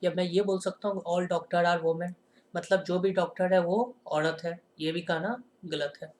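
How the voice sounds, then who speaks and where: In a classroom-style lesson, a man poses rhetorical questions and answers them himself, slowing to emphasize every example sentence. His voice sits high with fairly even intonation and a darkish tone.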